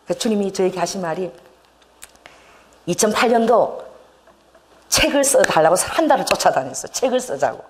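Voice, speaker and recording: A woman pastor with a Gyeongsang Korean accent, preaching an animated sermon to her congregation and prompting them to respond. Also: medium pitch, moderate pace, long pauses, a little hiss or hum.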